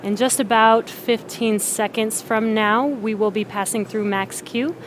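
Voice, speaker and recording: Higher-voiced woman hosting a launch webcast. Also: steady tone, a little slow, a little hiss or hum, rough recording. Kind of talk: live explanatory launch commentary.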